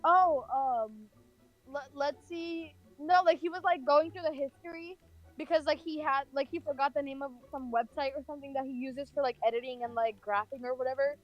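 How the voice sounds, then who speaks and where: A young Californian woman rambles through a personal anecdote, saying "like" over and over. Her high voice is brisk with fairly even intonation, and the recording sounds muffled.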